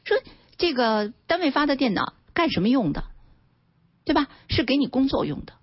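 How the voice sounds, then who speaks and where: A woman lawyer speaking as a radio talk show guest, with a slightly husky, fairly high voice. She explains animatedly, jumping up and down in pitch as she acts out little scenes. The recording is a dry studio with a dull broadcast quality. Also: big pitch swings, normal speed, no room sound.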